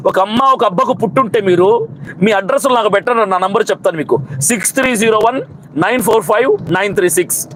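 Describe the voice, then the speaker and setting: Fiery high-voiced man over traffic noise. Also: fairly bright tone, poor audio. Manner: fiery, scolding, piles up repeated rhetorical questions. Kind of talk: impassioned protest speech to camera.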